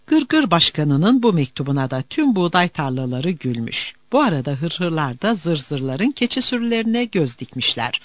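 A man narrating a storybook tale in an expressive way. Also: fairly high pitch, moderate pace, few pauses, no room sound. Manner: expressive, animated.

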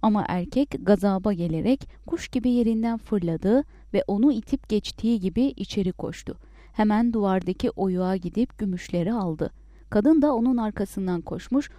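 A woman narrating a story as an audiobook in a calm, measured way. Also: medium pitch, no room sound, studio quality.

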